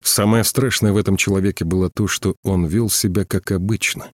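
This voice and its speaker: A man narrating an audiobook in a measured, even storytelling manner. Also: deep voice, no echo, studio quality.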